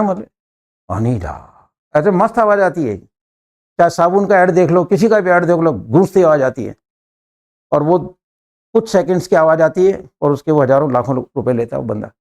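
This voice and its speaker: Lively Indian man teaching English. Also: fairly high pitch. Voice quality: lively, mixing Hindi and English, slows down for English phrases. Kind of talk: classroom lecture. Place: classroom.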